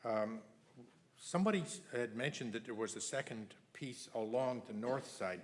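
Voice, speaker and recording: Man, resident at town meeting, halting delivery, blunt and sarcastic edge. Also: mid-range voice. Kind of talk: public comment at council meeting. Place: council chamber.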